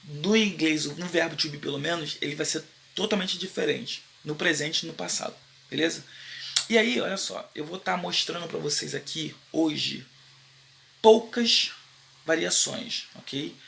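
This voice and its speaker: Gravelly, bright Brazilian teacher man. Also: fairly high pitch, slight background noise. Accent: Brazilian Portuguese. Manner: slow, drawn-out repetition of English phrases for learners; informal, slangy Brazilian Portuguese with frequent "beleza?" check-ins. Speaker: English teacher. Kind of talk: casual online English lesson.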